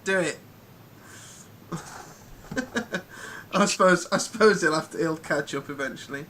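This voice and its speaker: A man's voice: fairly high pitch, normal speed, a bit bright, a little hiss or hum. Rambling man hosting a chat. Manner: rambling, full of ums and restarts. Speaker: podcast host. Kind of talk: casual live chat.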